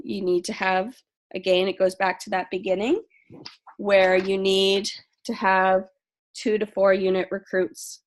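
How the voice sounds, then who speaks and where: A woman casually walking a sales team through program rules, reading questions aloud and answering them with frequent ums. She says she is losing her voice. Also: mid-range voice. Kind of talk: casual training talk.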